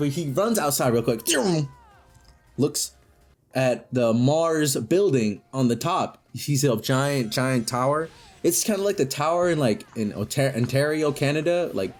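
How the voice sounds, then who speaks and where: Husky man rambling through a comic tale. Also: mid-range voice, unhurried, soft background music. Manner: rambling, self-correcting, animated. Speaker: storyteller. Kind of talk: improvised comedic storytelling.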